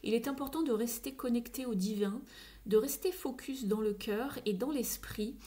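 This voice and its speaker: A woman giving a casual tarot reading, thinking aloud with frequent fillers and slipping into soft whispery asides. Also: on the high side, normal speed. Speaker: tarot reader.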